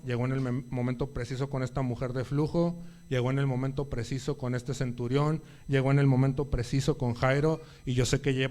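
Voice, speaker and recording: A man's voice: mid-range voice, a little mellow. A man preaching a Sunday sermon in a conversational way, often checking in with the congregation and rising in volume at emphatic points.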